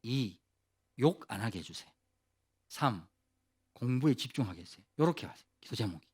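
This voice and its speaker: A male pastor giving a youth sermon, telling a story in an animated, casual way and asking the listeners questions directly. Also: mid-range voice, moderate pace, slightly rough. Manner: asks the audience questions directly.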